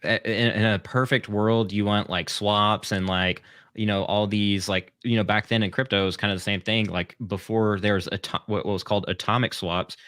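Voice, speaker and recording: A male guest talks loosely and at length, circling his points with ums and "you know". His voice sits on the low side. The sound is dry and close to the mic. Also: steady tone, moderate pace, a bit bright, clean tone, no echo. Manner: rambling, hesitant with many fillers. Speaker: guest, content creator. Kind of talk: casual interview chat.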